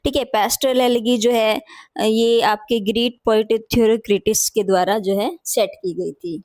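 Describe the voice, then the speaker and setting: A woman's voice: a little high, unhurried, darkish tone, no echo. A woman hosting an exam-prep lesson, explaining patiently and repeating key points with frequent "theek hai" checks. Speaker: teacher and channel host.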